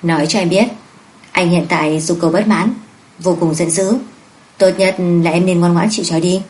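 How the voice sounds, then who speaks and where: A woman voicing a domineering, lazy young husband with a low, teasing manner in a romance audiobook. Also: steady tone, moderate pace, a little mellow, close to an everyday voice, poor audio. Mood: menacing.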